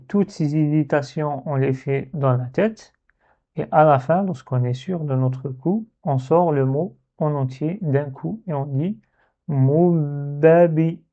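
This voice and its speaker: A man's voice: on the high side, vocal fry. A man teaching a reading lesson step by step, patiently repeating syllables to demonstrate pronunciation. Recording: dull, muffled lo-fi recording.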